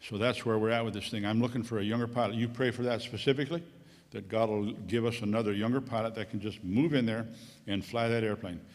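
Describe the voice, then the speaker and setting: A man's voice: fairly low pitch, fairly even intonation, fast. A middle-aged man giving a rambling, folksy missionary report to a church congregation, coughing now and then. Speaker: missionary pilot. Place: church sanctuary. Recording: long church hall reverb.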